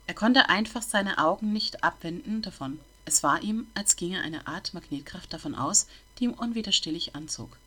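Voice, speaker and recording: A woman reading a novel aloud as an audiobook narrator, calm and measured. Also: fairly low pitch, breathy edge. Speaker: reader of a novel.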